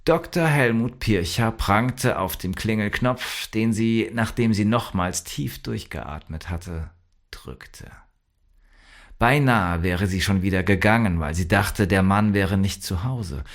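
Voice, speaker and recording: A man reading a crime audiobook aloud in measured, even scripted narration. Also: lowish voice.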